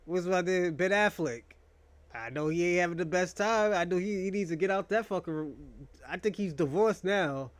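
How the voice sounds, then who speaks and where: A young podcast host with a notably high voice rambles loosely through a casual monologue at a moderate pace, joking crudely and swearing freely. The audio is dry and close, without any room echo.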